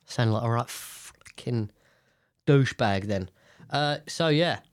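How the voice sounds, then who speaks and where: A man's voice: medium pitch, slow pace, no room sound, clean studio sound. A British man hosting a casual, rambling commentary on the news in a nasal voice, congested from a sinus infection, blunt and sweary. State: blocked nose from sinus infection. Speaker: host.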